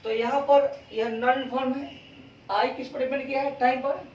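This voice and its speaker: A man's voice: very high-pitched, fairly even intonation, normal speed, muffled recording, a little hiss or hum. A male physics teacher giving a classroom lecture, asking questions and answering them himself. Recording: roomy classroom sound from a distance.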